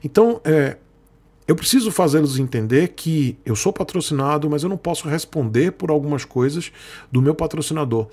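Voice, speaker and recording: At normal speed, a sponsored Brazilian motorcycle creator talks expressively in a fairly high voice that's darkish and slightly rough. He speaks Brazilian Portuguese, addresses his viewers as "gente," and rambles casually at length, repeating himself and circling back.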